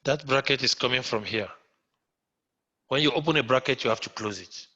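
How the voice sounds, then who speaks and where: A man's voice: medium pitch, fairly quick, sharp tone. Nigerian man teaching a coding class. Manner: repetitive, checks in with students often. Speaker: instructor. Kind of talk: live online coding class. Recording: muffled lo-fi audio.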